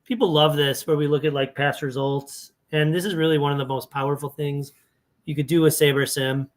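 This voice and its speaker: A man with a somewhat raised pitch talks loosely as an analyst going over fantasy sports picks. He thinks aloud and backtracks, conversational rather than scripted. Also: steady tone, a little fast. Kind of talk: casual screen-share walkthrough.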